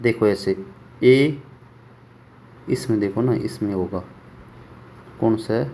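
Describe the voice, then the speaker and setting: A man teaching English vocabulary for exams, repeating words slowly and asking rhetorical questions. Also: on the low side, dark tone, slight background noise. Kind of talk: exam-prep vocabulary lesson.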